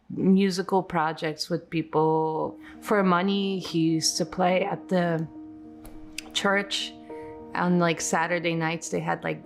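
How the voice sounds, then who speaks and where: A woman in her forties from Poland, recalling her childhood casually in a documentary interview, with many fillers. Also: fairly low pitch. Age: 40s. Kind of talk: documentary interview, personal recollection.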